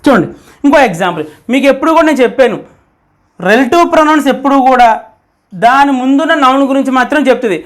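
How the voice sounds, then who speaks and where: Grammar teacher, high voice, brisk delivery, repeats key points, rhetorical questions. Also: lively intonation. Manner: dictates English examples slowly word by word. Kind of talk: spoken grammar lesson.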